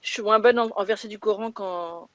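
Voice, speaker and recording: A woman's voice: medium pitch, fairly quick, background noise. A woman guest in a casual live audio chat, hesitant and full of fillers.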